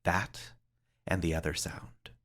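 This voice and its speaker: In a theatrical read-aloud style, a man narrates a somber tale with deliberate, dramatic phrasing, like a librarian performing a story. His voice is a little low yet has a bright, forceful edge, and the delivery is flat.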